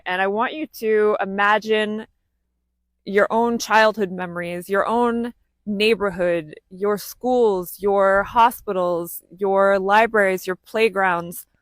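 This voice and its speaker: A woman giving a deliberate, earnest field report to her followers as an on-the-ground war reporter. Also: medium pitch, a bit bright, dry recording.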